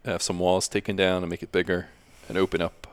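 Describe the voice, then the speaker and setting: A young man co-hosting a podcast, relaxed and quick with a joke. His voice is very deep. The sound is dry and close, with no room echo. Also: clear, resonant tone. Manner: joking, laid-back. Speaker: podcast co-host. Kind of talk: casual chat.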